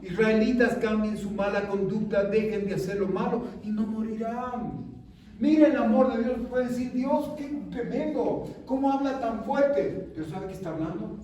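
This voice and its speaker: A man's voice: sits high, moderate pace, a little mellow, slight background noise. A male pastor preaching a sermon with fervor, often putting questions to the congregation. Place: large church sanctuary. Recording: echoey church hall from a far mic, congregation audible. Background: congregation responding.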